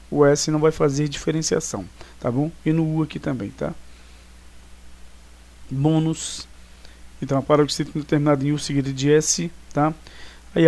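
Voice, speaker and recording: A man's voice: fairly high pitch, darkish tone. A man with a Brazilian Portuguese accent, teaching a recorded grammar lesson in an explanatory way, checking in with the class often. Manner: explanatory, frequent tag questions.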